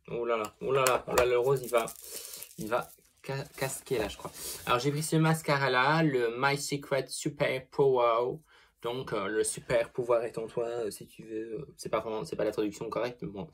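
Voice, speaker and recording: A young man giving a casual makeup product review as a beauty vlogger, chatty and expressive, swearing freely and gushing over products. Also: mid-range voice.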